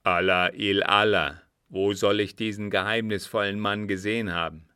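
A man's voice: on the low side, steady tone, moderate pace, pushed and bright, smooth, no echo, studio quality. A man voicing a cunning disguised agent who feigns innocence with emphatic protests, in an audiobook reading. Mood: indignant.

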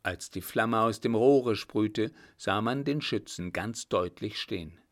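A man reading a historical adventure novel aloud in a steady, measured narration. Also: fairly low pitch. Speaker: audiobook reader. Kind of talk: scripted narration.

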